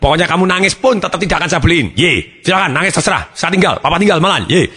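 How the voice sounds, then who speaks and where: Man as a weary father hushing his kid. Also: a little high, lively intonation, rapid-fire, husky, voice pushed up, exaggerated voice. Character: tired, embarrassed father hushing his child.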